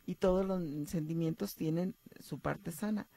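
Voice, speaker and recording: A woman's voice: on the low side, normal speed, gravelly, no echo. Radio guest, woman psychologist, dry close sound, explanatory. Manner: explanatory, calm, uses fillers like "este". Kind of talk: advice talk on radio.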